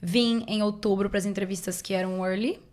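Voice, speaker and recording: A woman's voice: medium pitch, steady tone, moderate pace, a little mellow. Casting: young woman, informal interview guest, drops English jargon into conversational speech. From Bahia, Brazil. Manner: informal, sprinkles English medical terms into speech. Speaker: podcast guest, doctor. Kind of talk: casual interview storytelling.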